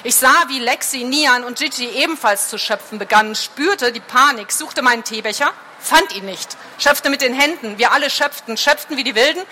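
Woman reader, dramatic book reading, bright high voice, faint hiss behind. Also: normal speed, few pauses. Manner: expressive, dramatic narration.

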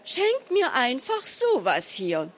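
A woman's voice: sits high, huge pitch swings, slow pace, pitched above the performer's own voice, heavily acted. A woman voicing the narrator's self-assured wife in a read-aloud story, cool and lightly mocking. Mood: amused.

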